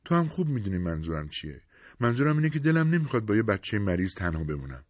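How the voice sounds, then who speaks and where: A man's voice: on the low side, sing-song, no room sound, dull audio. A man voicing an anxious, upset young wife with a sick baby, pleading and insistent, in an audiobook reading.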